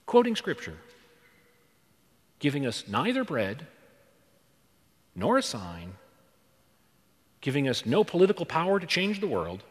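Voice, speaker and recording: A man's voice: medium pitch, long reverb tail. A man preaching a sermon in a church, dramatic, with rhetorical questions and repeated phrases.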